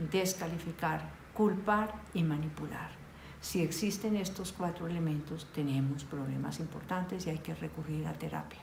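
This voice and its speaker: A woman, a family and couples therapist, calmly explaining practical advice with worked examples. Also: low voice, creaky. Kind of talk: advice talk. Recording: echoey room with faint noise.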